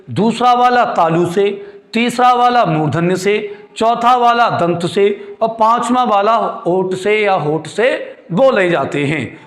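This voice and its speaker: This is a man with a high-pitched, fairly bright voice, recorded with noticeable reverb as he teaches Hindi grammar in class. Calling his pupils his kids, "beti" and "chhote," he quizzes them warmly and restates his points.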